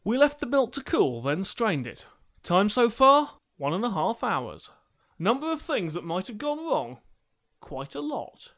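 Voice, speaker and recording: A man's voice: high voice, very animated, unhurried, fairly bright tone. A man reading scripted comic narration in a dry, mock-dramatic way.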